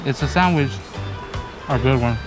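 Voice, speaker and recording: A woman's voice: very deep voice, normal speed. A woman making casual, laid-back remarks in short phrases while preparing food. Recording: loud background music.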